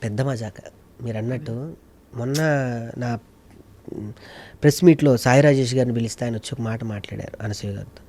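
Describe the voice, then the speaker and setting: A man's voice: medium pitch, fairly even intonation, fairly quick, long pauses, dark tone, slightly rough. A man, a mimicry artist and producer, talking emotionally and repeating himself for emphasis as an interview guest. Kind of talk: casual interview chat.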